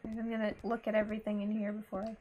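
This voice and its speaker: A woman's voice: medium pitch, completely flat delivery, very fast, dark tone, a little hiss or hum. A woman playing a horror game, commenting expressively and reacting aloud as she plays. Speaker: gaming streamer. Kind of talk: let's play commentary.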